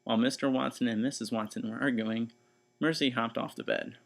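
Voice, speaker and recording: A man reading a children's story aloud in expressive, scripted narration. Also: medium pitch, a little fast, vocal fry.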